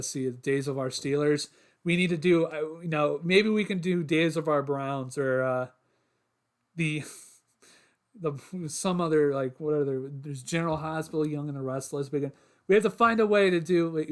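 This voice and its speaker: A young man hosting a casual solo sports podcast, rambling with lots of fillers, his voice getting hoarse after talking a long time. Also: a little high. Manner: rambling, filler-heavy, restarts often.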